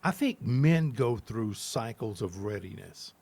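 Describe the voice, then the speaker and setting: A man's voice: lowish voice, lively intonation, a little slow, gravelly, darkish tone, no echo. A man hosting a casual interview show, chatting agreeably and constantly affirming his guest. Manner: agreeable, frequent backchannel affirmations. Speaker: talk show host.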